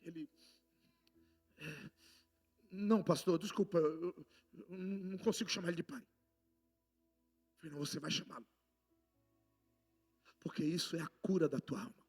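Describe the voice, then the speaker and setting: A man with a Brazilian Portuguese accent preaching a sermon, passionate and swinging between loud outbursts and hushed lines. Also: a little high, moderate pace, long pauses, husky, soft background music. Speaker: apostle preaching.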